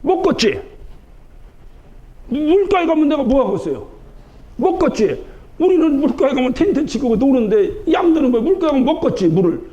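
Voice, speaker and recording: A man's voice: very high-pitched, very animated, moderate pace, pauses often, warm tone. A man from Chungcheong preaching a sermon as pastor, driving his points home with rhetorical questions in a church sanctuary. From Chungcheong, Korea. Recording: dull broadcast recording of a church service.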